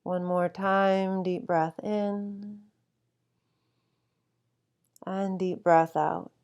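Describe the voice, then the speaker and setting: A woman guiding a sleep meditation with calm, soothing instruction and long, unhurried pauses. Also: medium pitch, clear, resonant tone, muffled recording. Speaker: meditation guide.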